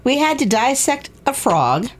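A woman's voice: high-pitched, very animated, unhurried. A nervous, easily spooked woman chatting casually as she follows along with a horror game. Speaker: gameplay co-commentator.

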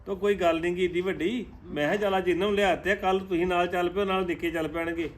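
A man's voice: high voice, steady tone, quick pace, close to an everyday voice. A man playing a grown son in a family drama, coaxing and placating his upset mother. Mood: pleading. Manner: coaxing, placating, repeats "hain?". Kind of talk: scripted village family drama.

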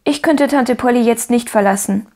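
A woman at normal speed, sounding close to her everyday voice, portrays a cheerful, hopeful little orphan girl. The girl talks eagerly and pleadingly in a raised voice that comes out bright and higher.

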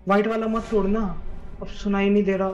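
High-voiced streamer scolding a teammate. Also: male voice, little pitch movement, brisk, darkish tone, highs cut off, soft background music. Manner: scolding, profane banter. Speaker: livestreamer. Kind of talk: casual gaming chat. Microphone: headset.

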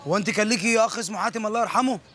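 A man's voice: high voice, rapid-fire, a bit bright. A man with an Egyptian accent playing a boastful aspiring singer who rambles about his plans. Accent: Egyptian Arabic.

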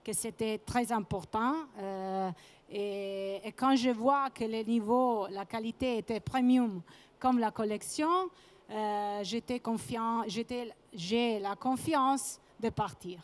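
Halting woman presenter with foreign-accented French, unhurried. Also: a little high. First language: not French. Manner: halting, non-native French with searching pauses and repeated words. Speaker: conference presenter. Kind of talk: public presentation. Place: trade-show conference stage, indoors. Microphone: handheld microphone.

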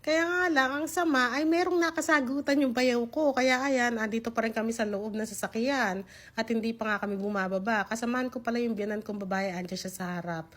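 Chatty Filipina woman vlogging from a car, voice a little higher than usual, laughs easily. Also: steady tone, a little fast. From Philippines. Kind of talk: casual vlog narration. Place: inside a car.

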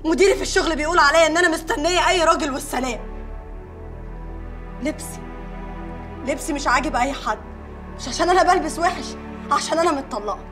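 An actress with an Egyptian accent playing a divorced woman who pours out a bitter, rapid complaint in a TV drama. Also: high-pitched, a bit bright. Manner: bitter, fast, pleading monologue. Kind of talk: TV drama dialogue.

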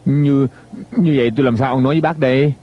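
Man voicing loyal steward, polite but firm, husky voice, dull lo-fi dub with music. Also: mid-range voice, fairly even intonation, fast, natural voice. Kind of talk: dubbed TV drama.

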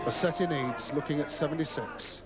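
A man commentates live on darts in short, clipped phrases, his voice slightly high. It is an old TV broadcast with very loud crowd noise behind him. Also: a little fast.

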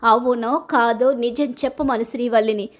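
A woman voicing a stern middle-aged mother-in-law who scolds her family with slow, emphatic indignation. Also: on the high side, fairly even intonation, lightly acted. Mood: furious.

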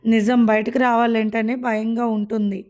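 A woman reading a storybook voices a gentle, anxious young husband who coaxes his wife. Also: fairly high pitch, flat delivery, normal speed, close to an everyday voice. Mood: coaxing.

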